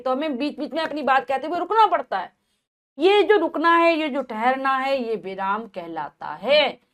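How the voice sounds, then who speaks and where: A woman's voice: sits high, fairly bright tone. A woman teacher explaining a grammar lesson to children, patiently repeating and rephrasing each point.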